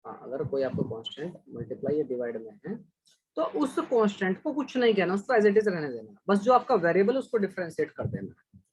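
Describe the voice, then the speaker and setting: A man with a high, husky voice teaches a math class online, talking a little fast and very animatedly. He patiently explains steps and praises students by name as he checks their answers. The recording quality is low.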